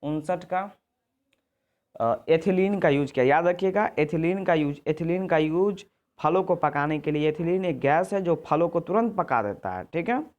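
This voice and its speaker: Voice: medium pitch, animated, normal speed, a little mellow, lo-fi sound. A teacher going through exam answers, repeating points and often correcting themself. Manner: repetitive, often self-correcting with "sorry"; checks in with "ठीक है" and "आगे देखिए". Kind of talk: exam answer walkthrough lesson.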